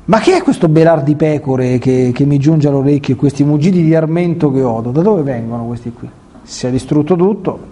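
A man reading the lines of a stern elderly prophet who rebukes a king gravely. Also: fairly high pitch, a little fast, dark tone, voice pushed down, close to an everyday voice. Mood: reproachful.

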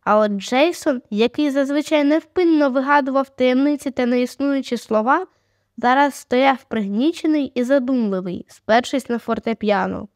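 A woman narrating an audiobook in a steady storytelling manner. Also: high voice, moderate pace, no room sound, studio quality. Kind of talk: scripted narration.

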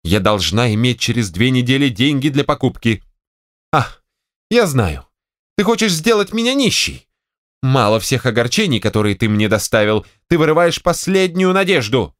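A man reading a story, voicing a capricious, imperious elderly wife of a general, raised in pitch and full of reproachful exclamations. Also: sing-song, normal speed, dry recording, clean studio sound, lightly acted.

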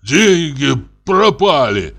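A man voicing a calm, pious old pilgrim who talks slowly and reproachfully. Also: mid-range voice, voice pushed up. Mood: pleading. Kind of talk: audiobook character voice.

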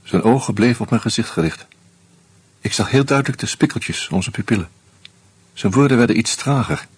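Here the actor's voice is medium-pitched, husky, brisk, and expressive. He plays Hans, the bitter drunk narrating a radio play in first person while sardonically facing down a murderer.

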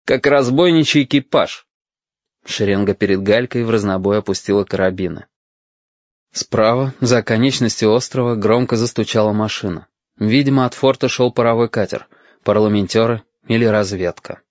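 A man reading audiobook narration in a measured storytelling manner. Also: fairly low pitch, fairly even intonation, darkish tone, dry recording. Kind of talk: scripted narration. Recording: dull, dry audiobook recording.

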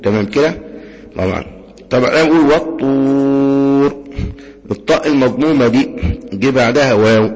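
A man with an Egyptian accent teaching Quran recitation rules, patiently asking the class questions, answering them himself and chanting examples slowly. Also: medium pitch, slightly rough. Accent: Egyptian Arabic. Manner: demonstrates recitation with slow drawn-out chanting. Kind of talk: tajweed lesson. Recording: dull lo-fi recording with long reverb.

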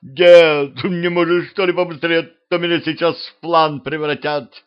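A man's voice: a little high, fairly even intonation, measured pace, clean tone, lo-fi sound, pitched above the performer's own voice, lightly acted. A man voicing a grumpy, jittery male graveyard watchman who grumbles and panics. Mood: panicked.

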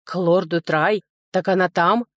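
A woman's voice: fairly low pitch, steady tone, unhurried, no echo, clean studio sound, natural voice. A woman voicing a furious male duke and mage, barking orders in a commanding voice. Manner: commanding, demanding.

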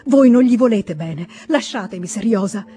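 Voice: medium pitch, animated, moderate pace, warm tone, faint music behind, close to an everyday voice. A reader voicing a distraught young aristocratic wife, pleading and agitated, in an audiobook reading. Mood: bitter, pleading.

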